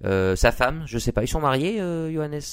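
On his laid-back sports podcast, this host jokes around, laughs easily, and keeps up a chatty flow studded with "hein" fillers. His voice is smooth, a little high, and sing-song at a moderate pace, captured in a dry, studio-quality recording.

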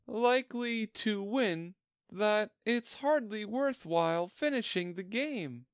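A man's voice: sits high, expressive, slow pace, clear, resonant tone, dry recording, clean studio sound, voice pushed up. A man voicing a curious, fretful young girl in a storybook reading, with a prim, complaining tone.

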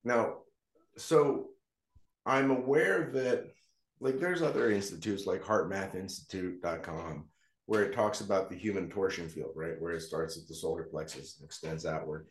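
A man's voice: low-pitched, normal speed. A man hosting a casual interview, his voice ringing with a heavy canyon-like echo from a new, echoey location, often checking in with "right?" and "correct?". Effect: heavy echo, like talking in a canyon. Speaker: podcast host.

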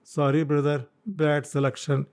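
A man's voice: fairly high pitch, monotone, moderate pace, darkish tone, lightly acted. A man voicing a boisterous, slightly drunk young hippie biker, breezy and slangy, in an audiobook. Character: brash tipsy young male hippie biker. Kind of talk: audiobook character voice.

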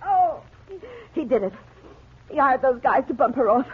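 A woman's voice: high-pitched, lively intonation, normal speed, slightly rough, full character voice. An actress playing a brassy, easily panicked American gangster's girlfriend in a 1940s radio crime drama, talking tough and slangy. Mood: panicky. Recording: muffled, scratchy 1940s radio broadcast.

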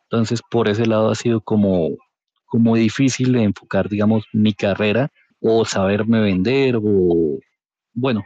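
A Colombian-accented man tells his story in a casual, colloquial way. His voice is very mellow and a bit low, on a slightly dull lo-fi recording. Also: no echo. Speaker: podcast guest, career changer into programming. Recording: dull, lo-fi audio.

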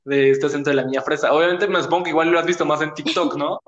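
A man's voice: on the high side, steady tone, racing, a bit bright, muffled recording. A young man with a Mexico City accent hosting a casual podcast, slangy and laughing often. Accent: Mexico City Spanish. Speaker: podcast host.

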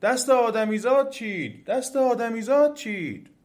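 A man voicing a chorus of enchanted garden trees that shout in alarm. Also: expressive. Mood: shrill alarm. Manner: shrill alarmed shouting in unison.

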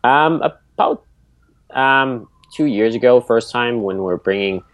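A man's voice: medium pitch, lively intonation, slow pace, no room sound. A man from Finland with a Finnish accent, a podcast guest telling his story in loose, rambling answers full of fillers. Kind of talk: casual interview.

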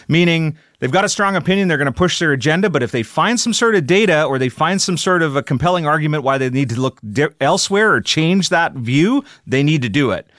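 Man, podcast host, mid pitch, dry close mic, chatty questions. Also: a bit bright, no echo. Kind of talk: podcast interview.

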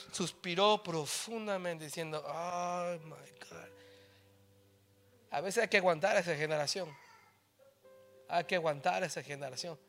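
Middle-aged preacher, high and very bright voice, shifts between quiet asides and loud calls, music under. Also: male voice. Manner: swings from soft asides to loud shouted exhortation; mixes English phrases into Spanish. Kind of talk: sermon.

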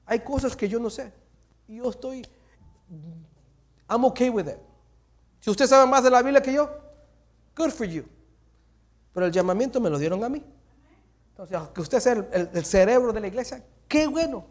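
A man preaching as pastor, swinging from loud exhortation to hushed, near-whispered asides and slipping English phrases into his talk. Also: very high voice, normal speed, long pauses. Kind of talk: sermon.

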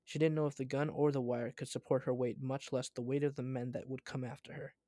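A man's voice: mid-range voice, flat delivery, a little fast, dark tone, no room sound. A man reading a story aloud, often stumbling and correcting himself as he goes.

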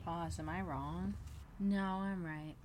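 A woman hosts a casual fan podcast in a slow, unhurried way, with a slightly low voice. She is chatty and laughs as she retells scenes. A faint hiss of noise sits under her voice. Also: steady tone. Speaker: podcast host.

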